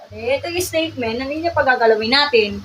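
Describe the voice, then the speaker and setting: A woman with a Filipino accent teaching math on a live stream, loud and emphatic, often checking that students follow. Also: sits high, lively intonation, fast, distant mic, a little hiss or hum, low-quality recording.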